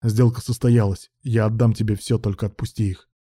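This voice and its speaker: A man's voice: fairly low pitch, steady tone, brisk, dark tone, husky, dry recording, clean studio sound. A man voicing a desperate young man who speaks tensely and with defiance. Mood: defiant.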